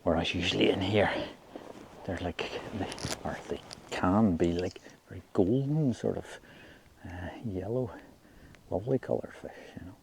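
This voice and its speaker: A Scottish man chatting casually in an unhurried, low-key way, as if musing to himself while presenting his fishing outdoors. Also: gravelly. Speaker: angler presenting own fishing outing. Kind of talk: casual fishing vlog commentary. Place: outdoors by a loch. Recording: noisy outdoor ambience.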